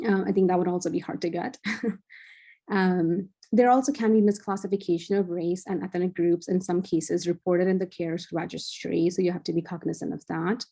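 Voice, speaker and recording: A young adult woman, a cardiology fellow, giving an academic journal club presentation in a measured way with frequent filler sounds. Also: fairly low pitch, steady tone, creaky, warm tone.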